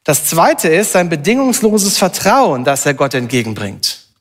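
A man preaching a sermon and reading a long scripture passage aloud in an earnest, steady voice. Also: on the high side, measured pace, big-room sound.

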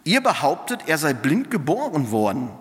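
A man reading aloud as a group of indignant religious leaders, raising his pitch into insistent questions, in a space with long church reverb. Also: wildly swooping pitch, moderate pace.

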